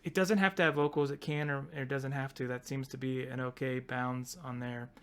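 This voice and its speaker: Casting: male podcast co-host, smooth resonant voice, mid-pitch, loose rambling delivery with frequent laughs. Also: level tone, brisk, a bit bright. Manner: rambling, self-interrupting, laughs often. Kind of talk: casual chat.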